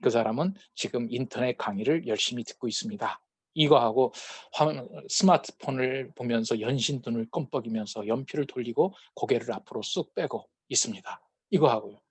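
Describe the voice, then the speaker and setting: A man's voice: medium pitch, fairly quick, slightly rough, no room sound. A man teaching a peacemaking class, talking casually with many fillers and acting out short quarrels as examples. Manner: conversational, many fillers, acts out quoted quarrels. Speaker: peacemaking course lecturer. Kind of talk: lecture with acted example dialogues.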